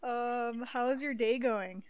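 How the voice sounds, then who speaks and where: A woman's voice: on the high side, takes it slowly, clear, resonant tone, no echo. A young woman from Ontario, Canada, hosting a casual podcast chat in an upbeat, giggly way with lots of fillers. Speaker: podcast host.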